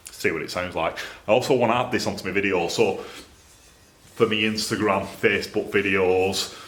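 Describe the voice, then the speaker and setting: His voice is lowish and a touch bright, carrying a Northern English accent. An exhaust fabricator and video presenter, he talks to camera informally and rambles while thinking aloud, and the cramped, cluttered workshop lends the audio a roomy echo.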